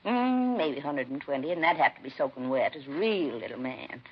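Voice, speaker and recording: In a 1950s radio crime drama, an actress plays a gossipy, blunt rooming-house landlady being questioned by police, chatty and folksy in manner. Her low voice is expressive and brisk, and the vintage radio recording sounds muffled and hissy.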